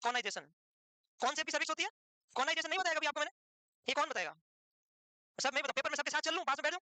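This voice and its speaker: A male teacher lecturing his class in a brisk, scolding, teasing way. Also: very high voice, sharp tone, no echo.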